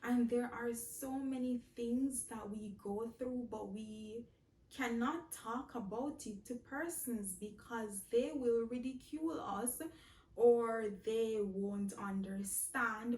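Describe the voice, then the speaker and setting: Young Jamaican woman, vlog Q&A, slow unhurried delivery, a bit high, recorded roomy and off-mic. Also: darkish tone, distant mic. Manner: slow, heartfelt, repeats phrases, laughs often. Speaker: vlogger answering viewer questions. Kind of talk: casual Q&A vlog.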